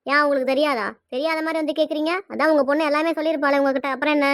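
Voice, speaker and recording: A woman voicing a stubborn, sharp-tongued mother. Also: high voice, steady tone, rapid-fire, no room sound, studio quality. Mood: defiant. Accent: Tirunelveli Tamil. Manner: argumentative, defiant. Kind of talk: cartoon dialogue.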